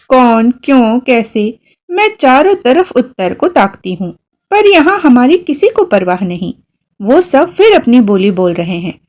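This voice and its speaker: A woman reading a literary short story aloud, telling it expressively as a young girl thinking to herself. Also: a little high. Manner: expressive, voicing a young girl's first-person thoughts. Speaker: story narrator.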